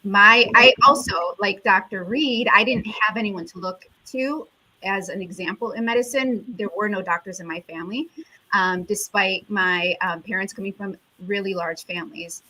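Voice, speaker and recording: Woman doctor telling her story in an interview, bright clear tone, earnest, lots of ums. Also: medium pitch, normal speed, low-quality recording. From United States. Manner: earnest, reflective, with frequent fillers. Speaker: endocrinologist guest. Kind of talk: conversational interview answer.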